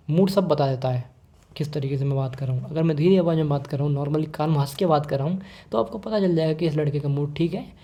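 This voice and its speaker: A young man, teaching exam material in a casual lecture style, reading English lines slowly and explaining them. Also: on the high side, warm tone.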